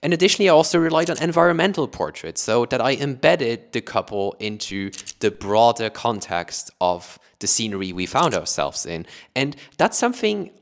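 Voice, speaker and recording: A lively Luxembourgish photography YouTuber reviews lenses straight to camera in a mid-range voice, at normal speed and hardly pausing. His English is an international mix taught the British way, and he explains things by rephrasing with "let's say" and "additionally."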